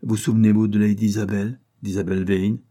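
A man's voice: on the low side, flat delivery, brisk, mellow, natural voice. A man voicing a haughty, scornful aristocratic countess, cold and cutting toward her son in a storybook reading.

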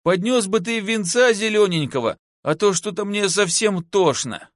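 Brief: a man doing a hoarse, tipsy, wheedling old peasant woman, high and swooping. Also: big pitch swings, moderate pace, fairly bright tone, dry recording, studio quality. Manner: wheedling, giggling, rustic. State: hoarse from drinking.

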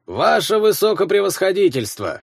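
A man voicing an old half-elf woman, a village elder, with a scratchy, creaking voice and a slow, solemn, respectful way of speaking. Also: high voice, sing-song, no echo, clean studio sound, voice pushed up, heavily acted.

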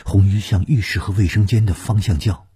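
A man narrating a suspense story for radio, reading dramatically and dropping to a hush in tense passages. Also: fairly low pitch, steady tone, fairly quick, breathy edge.

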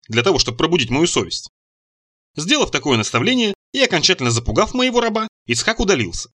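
A man narrating an audiobook in the first person, with a wry, deadpan manner. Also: fairly high pitch.

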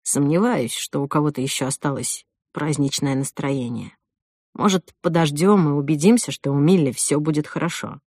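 A woman reading an audiobook voices a shaken young groom, speaking low and haltingly. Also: a little mellow, no room sound, studio quality. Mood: worried. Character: shaken young groom, guilt-ridden and soft-spoken.

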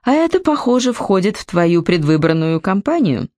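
A woman's voice: mid-range voice, sing-song, moderate pace, a little mellow, dry recording, lightly acted. Sarcastic, mocking young woman read by a woman narrator, dry close recording. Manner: mocking, ironic.

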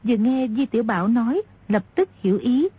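A woman narrating a martial-arts novel in a steady storytelling voice. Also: fairly high pitch, a little fast, husky, dry recording. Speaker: audiobook narrator. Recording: dull lo-fi audio.

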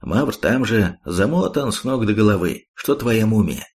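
A man reading the part of a blunt, sharp-tongued male warrior in an audiobook. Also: on the low side, animated, a little slow.

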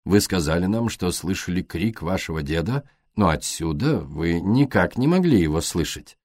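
A man voicing a brusque, blunt male police superintendent in an audiobook, in a flat, matter-of-fact way. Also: deep voice, moderate pace, no room sound, studio quality, pitched below the performer's own voice. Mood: stern.

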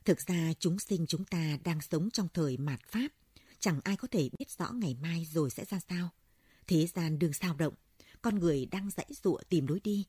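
A humble old Buddhist monk, read by a woman narrator, reflects calmly and gently. The voice is low, mellow and slightly husky. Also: moderate pace, dry recording, clean studio sound. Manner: calm, reflective.

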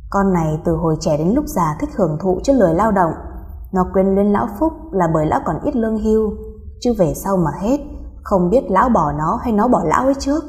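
A woman's voice: mid-range voice, a little mellow, big-room sound, natural voice. A woman voicing a bitter, cold older mother.

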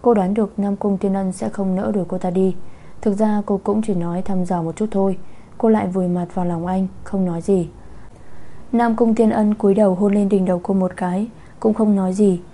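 A woman reads a romance novel aloud in a calm, steady storytelling manner. Her voice is warm and mellow at a middle pitch. The delivery is scripted narration. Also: fairly quick. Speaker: audiobook narrator.

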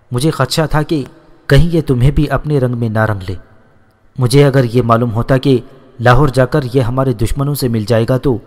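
A man's voice: mid-range voice, natural voice. A man voicing a hot-tempered elderly feudal landlord who scolds and insults his son, in a storybook reading with a long reverb.

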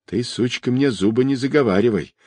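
A man's voice: mid-range voice, fairly quick, a little mellow, no room sound, pitched above the performer's own voice, natural voice. Man doing a foul-mouthed snarling woman brawler. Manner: snarling, crude, aggressive.

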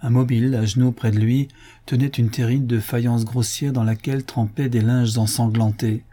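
Man reading a novel aloud, husky. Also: medium pitch, steady tone, warm tone. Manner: measured literary reading. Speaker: audiobook narrator. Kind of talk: scripted narration.

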